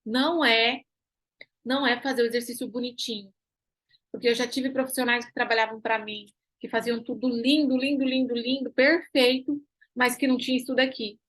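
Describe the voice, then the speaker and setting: A woman teaches an online class in a high voice. She is emphatic, hammers key phrases again and again and keeps asking rhetorical questions. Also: fairly even intonation, normal speed, fairly bright tone, low-quality recording. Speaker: pilates teacher and business mentor.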